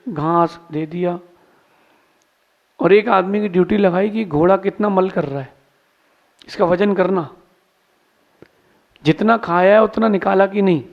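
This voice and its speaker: A man's voice: high voice, unhurried, long pauses. A man, a monk preacher, giving a sermon in a folksy, moralizing storytelling manner. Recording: slightly dull lo-fi sound.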